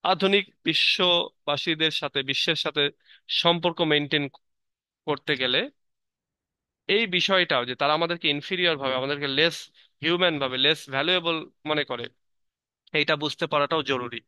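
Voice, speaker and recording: A man with a Bangladeshi Bengali accent teaching a lesson, reading English lines slowly and then explaining them conversationally with many fillers and restarts. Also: fairly high pitch, pushed and bright, clean tone, no room sound. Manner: frequent fillers and self-corrections.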